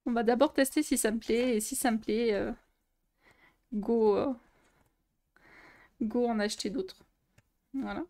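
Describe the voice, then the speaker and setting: A young woman with a mellow, slightly high voice speaks a bit slowly and leaves long pauses as she shows her coloring books. It's a casual show-and-tell vlog from a coloring-book YouTuber, full of fillers and restarts.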